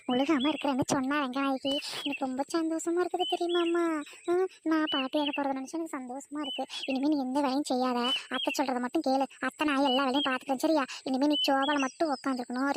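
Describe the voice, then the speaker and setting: Woman as villainous mother-in-law, bossy, fussing, fast, bright high voice. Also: steady tone, very noisy, lightly acted. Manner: bossy, fussing, falsely sweet. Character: scheming villainous mother-in-law, middle-aged. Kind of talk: family comedy skit acting.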